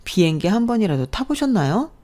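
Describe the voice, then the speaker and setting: A woman's voice: medium pitch, expressive, fairly quick, a little mellow, voice pushed up, lightly acted. A woman voicing a snobbish, mocking middle-aged sister-in-law who talks down to others in a radio story reading. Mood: sneering. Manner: sneering, condescending.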